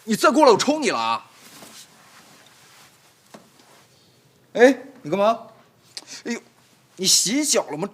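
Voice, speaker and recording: An exasperated, flustered household master. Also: male voice, on the low side, very animated, moderate pace, husky. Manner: exasperated, scolding, jumps between coaxing and alarm. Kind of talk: comedic period TV drama. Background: background music.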